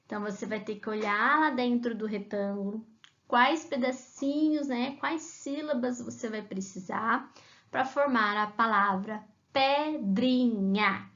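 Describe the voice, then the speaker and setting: A woman's voice: fairly high pitch, measured pace, a bit bright, lo-fi sound. A woman teacher talking children through a worksheet in a remote class, patient and sing-song when she reads the rhymes aloud.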